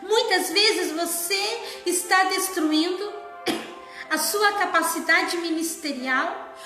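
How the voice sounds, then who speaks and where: A woman preaching a sermon, slow and emphatic, sometimes sliding into song. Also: very high voice, sharp tone, faint music behind. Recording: echoey room.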